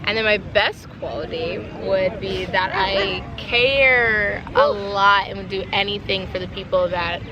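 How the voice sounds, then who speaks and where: Young american woman, candid party-girl chat, slangy, super loud crowd noise outside. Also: medium pitch, unhurried, few pauses, muffled recording. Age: young adult. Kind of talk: casual Q&A chat.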